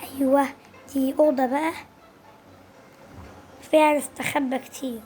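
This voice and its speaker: A woman with an Egyptian Arabic accent giving casual, excitable gameplay commentary, breaking into sudden squealing exclamations. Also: high-pitched, moderate pace, a little hiss or hum. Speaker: gaming channel host.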